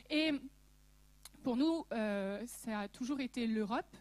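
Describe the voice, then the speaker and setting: A woman from Alsace giving a church message, telling stories in a lively, humorous way and speaking directly to the audience. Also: sits high. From Alsace, France. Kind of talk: sermon with storytelling.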